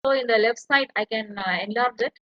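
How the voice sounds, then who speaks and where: A woman's voice: fairly high pitch, brisk, no echo, dull audio. A woman lecturer, explaining step by step as she types in an online tutorial. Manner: explains step by step while typing.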